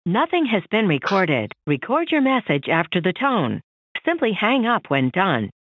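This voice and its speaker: A woman's recorded voicemail prompt, heard over the phone, reading menu options in a clear, measured way. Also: medium pitch, big pitch swings, dry recording. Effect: automated voicemail prompt over the phone. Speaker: automated phone system voice. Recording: tinny phone line.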